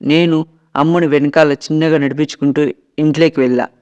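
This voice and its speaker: A man's voice: fairly high pitch, little pitch movement, brisk, a little mellow, clear, resonant tone, muffled recording. A man narrating a first-person Telugu ghost story, dramatic and quoting his family as he goes.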